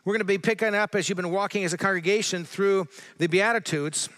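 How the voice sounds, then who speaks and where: High-voiced man preaching a sermon. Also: fairly bright tone. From Southern California. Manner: conversational, with slow emphatic scripture reading. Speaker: pastor.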